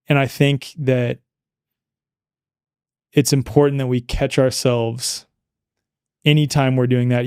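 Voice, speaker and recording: A man hosting a podcast, talking in an earnest, measured way. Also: medium pitch, warm tone, smooth, no room sound, studio quality. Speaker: podcast host. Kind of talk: casual conversation.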